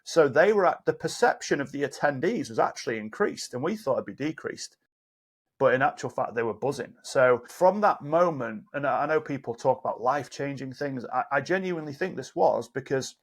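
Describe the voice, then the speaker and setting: Gravelly-voiced man telling coaching stories. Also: mid-range voice. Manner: animated storyteller, acts out dialogue. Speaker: podcast guest, coach. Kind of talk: casual podcast conversation.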